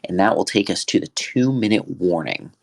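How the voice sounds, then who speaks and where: A man giving play-by-play commentary on a football game, with steady, conversational calls and frequent fillers. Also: low-pitched, normal speed, vocal fry.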